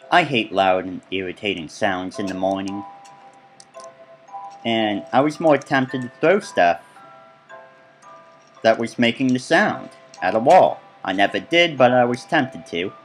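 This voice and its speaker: A man giving casual, rambling gameplay commentary as he tours his own build, full of chatty asides. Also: lowish voice. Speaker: let's play gamer.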